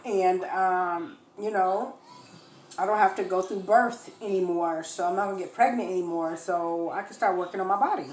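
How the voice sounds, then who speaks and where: A woman's voice: lowish voice, moderate pace, a little mellow. A young woman chatting casually to viewers as a mukbang host, chewing while she talks. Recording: echoey room with faint noise. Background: faint household noise, children in background.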